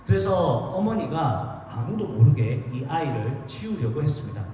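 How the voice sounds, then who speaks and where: Pastor preaching in an echoey church. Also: male voice, fairly high pitch, sing-song, moderate pace, dark tone. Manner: storytelling, acting out quoted dialogue. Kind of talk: sermon. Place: church sanctuary. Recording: echoey hall, distant mic, noisy.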